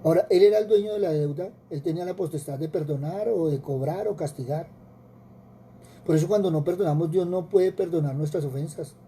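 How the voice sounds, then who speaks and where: A male preacher with a Colombian accent delivers an earnest sermon. His voice is deep and mellow, and he often repeats words and asks rhetorical questions. A faint hiss of noise sits under the recording. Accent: Colombian Spanish.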